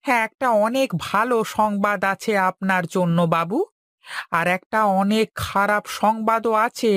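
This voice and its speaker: A woman voices a loyal, deferential servant and messenger who watches over her master's daughters in a Bengali cartoon, reporting news in an assuring way. Her medium-pitched, fairly bright voice moves at a measured pace and sounds close to an everyday voice. The studio-quality recording has no room sound and music beneath the voice.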